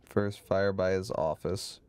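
A man's voice: sits low, steady tone, slow, a little mellow, clean tone, dry recording. A man co-playing a game, thinking aloud and puzzling over clues in casual commentary. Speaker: co-player.

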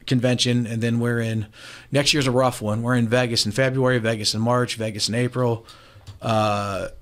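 A man in his forties, an appliance store owner, talking briskly and confidently as a guest on a radio show over a video call. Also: mid-range voice, level tone. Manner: brisk, confident business talk. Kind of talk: casual radio talk interview. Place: small room, indoors, remote video call. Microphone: studio mic with headphones.

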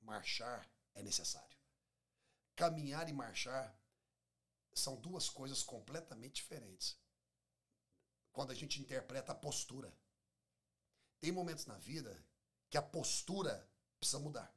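A Brazilian pastor in his forties from Minas Gerais is a guest in a small podcast studio, speaking into a close studio microphone on a table stand. His medium-pitched male voice is somewhat husky and fairly bright, expressive and unhurried, with frequent pauses. He preaches in a conversational yet emphatic way, repeating key phrases and acting out small dialogues.

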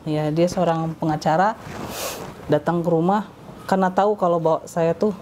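Mellow-voiced woman telling her story. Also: fairly low pitch, normal speed, slight background noise. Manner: lively storytelling, acting out others' voices. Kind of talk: casual interview conversation.

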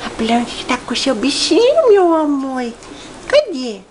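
Woman dog owner, slow sing-song baby talk, steady background noise. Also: sits high. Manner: cooing, affectionate pet talk.

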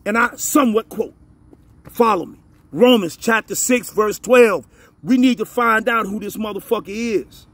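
A man teaching the Bible in a casual, profane way, repeating phrases, reading verses slowly and emphatically, and often asking if you're with him. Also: sits high, a bit bright, no room sound. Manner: reads scripture slowly and emphatically.

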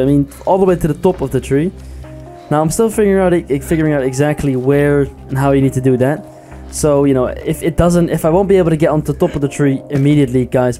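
Man, gaming YouTuber, warm mellow tone, chatty commentary. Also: a little high. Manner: chatty and playful, laughs often. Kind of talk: casual gameplay commentary.

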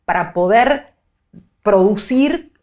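A middle-aged woman with a Rioplatense Spanish accent, a psycholinguist giving clear, teacherly explanations in an interview. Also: medium pitch, animated, slow, a little mellow. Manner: clear, didactic, illustrates points with examples. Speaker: psycholinguist guest.

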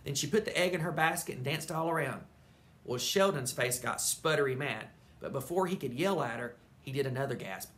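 Teacher reading a kids book out loud to the class, lively storytelling, middle pitch. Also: a little fast. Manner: expressive, animated storytelling. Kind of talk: reading a children's book aloud. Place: elementary school.

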